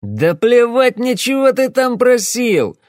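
A man voicing a drunk, belligerent middle-aged man who whines and shouts into a phone. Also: fairly high pitch, lively intonation, unhurried, dry recording, studio quality, voice pushed up. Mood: enraged. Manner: shouting, slurring, whining.

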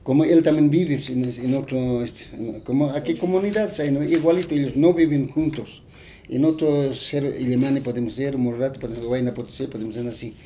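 A man's voice: mid-range voice, fairly quick, mellow, slight background noise. Rambling Bolivian storyteller man. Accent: Bolivian Spanish. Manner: rambling, with frequent fillers and tag questions. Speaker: interviewee. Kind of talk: retelling a folk tale.

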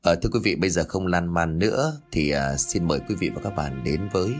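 A man hosting and narrating a ghost story in a lively, dramatic reading style. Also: deep voice, a little fast, soft background music. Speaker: storyteller and channel host.

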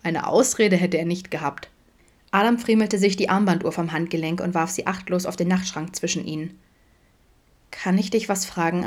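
Woman reading an audiobook, slightly low. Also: a little mellow. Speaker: audiobook reader. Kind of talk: audiobook narration of fan fiction.

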